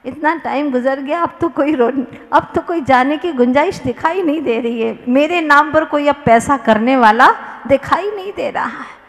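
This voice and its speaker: A woman, a Jain nun, giving a devotional sermon, chanting verse slowly and then telling a parable in which she acts out both speakers. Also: sits high, long reverb tail.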